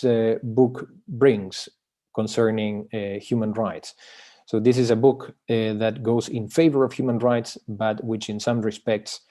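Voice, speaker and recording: A man's voice: mid-range voice, dark tone. Hesitant man presenting his book. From Chile. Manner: hesitant, frequent filler sounds and restarts. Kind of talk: online academic presentation. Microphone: video call.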